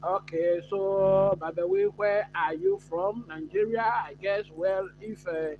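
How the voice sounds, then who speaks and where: A man from Ghana hosting a live football watch-along, chatting casually and answering viewers with many pauses and fillers. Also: high-pitched, steady tone, phone-quality sound, slight background noise. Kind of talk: live stream football chat.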